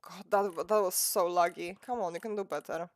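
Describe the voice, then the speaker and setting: A young adult woman who streams and animates keeps up casual live-stream chatter as she works, in a lowish, steady voice that runs slightly fast. She rambles, mocks herself, and giggles frequently, sounding a little sniffly from a cold.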